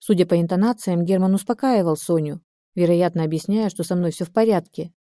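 A woman reading a first-person audiobook in a measured, even way. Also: lowish voice, no room sound, studio quality. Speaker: audiobook narrator.

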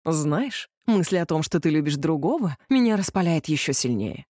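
Lady reading as a pushy young charmer, teasing and insistent, mellow husky voice, storybook reading. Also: low-pitched, animated, normal speed, no room sound, studio quality, pitched below the performer's own voice. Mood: persuasive.

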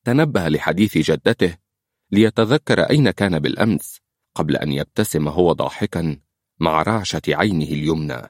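Deep-voiced Egyptian audiobook narrator. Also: male voice, darkish tone, dry recording, studio quality. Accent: Egyptian Arabic. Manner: measured, storytelling.

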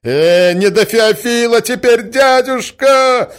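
A man's voice: fairly high pitch, lively intonation, fast, darkish tone, voice pushed up, close to an everyday voice. A man voicing a desperate young man who pleads and exclaims to his uncle. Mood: pleading.

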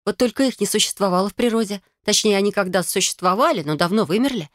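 A woman narrating a first-person fantasy audiobook in an even, wry storytelling manner. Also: mid-range voice, quick pace, dry recording, studio quality.

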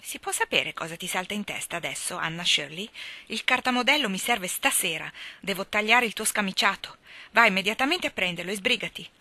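A woman voicing a stern, practical older woman who talks briskly and scolds. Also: medium pitch, animated, pushed and bright, no echo. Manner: brisk, scolding, matter-of-fact.

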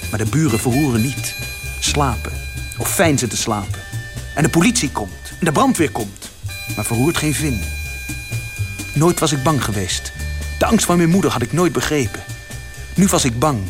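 A man reading a first-person literary story aloud as narrator, with dramatic delivery that swells in its louder passages. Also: medium pitch, animated, normal speed, pauses often, over music.

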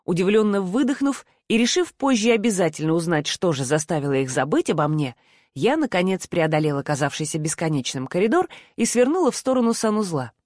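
A woman narrating a novel in the first person with steady, even storytelling. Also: fairly low pitch, a little fast, dry recording, clean studio sound. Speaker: audiobook narrator.

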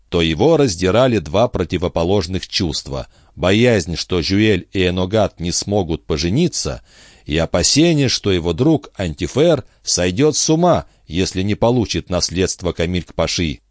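A man narrating an adventure novel in a steady, expressive reading style. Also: low-pitched, moderate pace, no echo, clean studio sound. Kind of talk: audiobook narration.

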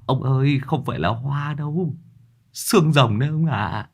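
A man's voice: medium pitch, normal speed, gravelly, pitched above the performer's own voice. A man voicing a flustered young male policeman who stammers.

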